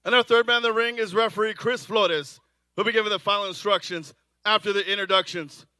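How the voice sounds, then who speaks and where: A man working as a ring announcer, introducing boxing in a theatrical lucha libre announcer manner with drawn-out phrases. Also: sits high, fairly even intonation, pushed and bright, clear, resonant tone, no room sound. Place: live boxing event.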